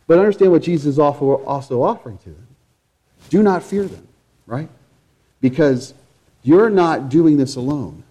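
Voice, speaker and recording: A man preaching a sermon in a church, earnest and emphatic, stacking repeated phrases and moving between loud proclaiming and low, quiet reflection. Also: expressive, moderate pace, highs cut off.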